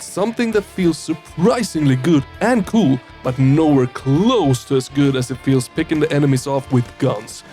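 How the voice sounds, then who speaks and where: A man narrates a video game review in a mid-range voice. His delivery is colloquial and playful, leaning hard on key words. Music plays softly behind him. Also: medium pitch. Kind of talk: scripted review narration, casual.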